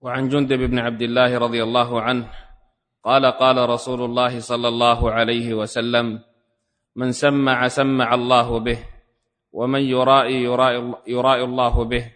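Male student reader, mid pitch, flat delivery, reverberant mosque. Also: moderate pace. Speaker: student reading the text aloud to the sheikh. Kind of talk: formal reading of a classical text. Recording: long reverb of a mosque hall.

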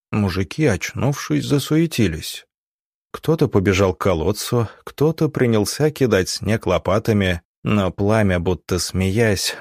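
A man narrating an audiobook in a measured, dramatic reading. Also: fairly low pitch, dry recording, studio quality.

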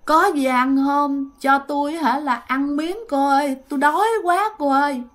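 Brief: woman doing a hungry female ghost, slow moaning begging, slightly high. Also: close to an everyday voice. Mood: moaning plea.

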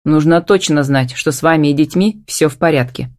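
A woman voicing a curt, stern older brother who speaks in a low, dry voice. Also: a little fast, darkish tone, dry recording, close to an everyday voice.

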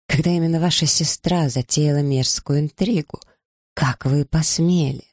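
A man's voice: on the high side, husky, no room sound, clean studio sound, pitched above the performer's own voice. A man reading a wounded, furious young noblewoman in an audiobook, with accusing outbursts.

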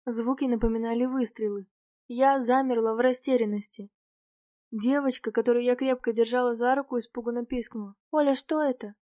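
A woman reading a novel aloud in the first person, with clear, expressive storytelling. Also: fairly high pitch, fairly quick, no room sound, studio quality. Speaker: audiobook narrator.

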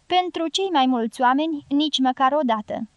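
A bossy, forceful matriarch from an audiobook, as a woman narrator puts her on. She snaps short scolding retorts in a high voice. The sound is close and dry. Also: no room sound, muffled recording, natural voice. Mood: knowing.

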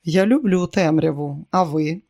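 An audiobook reader voicing a smooth, seductive man who talks in a soft, coaxing way. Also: fairly high pitch, unhurried.

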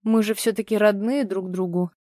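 A woman voicing a cowardly, sneering ex-husband in an audiobook, with a drawn-out mocking delivery. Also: medium pitch, steady tone, warm tone, no echo, clean studio sound, natural voice. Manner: drawling, sneering.

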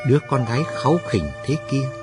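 A man narrating a late-night radio story in a steady storytelling manner. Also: mid-range voice, fast, over loud music.

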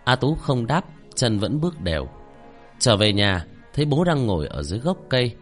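A man narrates a first-person horror story with a dramatic, expressive delivery. His mid-range voice swings widely in pitch, and faint music plays underneath. When he speaks as himself in the story, he pleads with feeling. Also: moderate pace.

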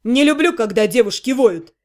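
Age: adult. Sex: male. Figure: a woman doing a gruff, sardonic half-gnome. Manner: dry, blunt, slow. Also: extremely high pitch, lively intonation, a little mellow. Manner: gruff, dry and matter-of-fact.

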